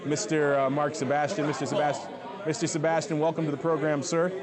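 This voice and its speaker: A man's voice: fairly high pitch, level tone, quick pace. A man hosting a live panel show from a conference, talking casually and jokingly. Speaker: show host. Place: live trading conference, away from the studio. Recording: busy live event crowd noise. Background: crowd chatter.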